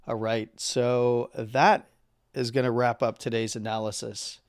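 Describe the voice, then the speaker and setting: Gravelly, hoarse man reading chart levels. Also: mid-range voice, level tone, no echo, clean studio sound. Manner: halting, with fillers and number readouts; clears throat and coughs now and then. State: losing his voice. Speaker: market analysis streamer. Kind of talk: casual live chart commentary.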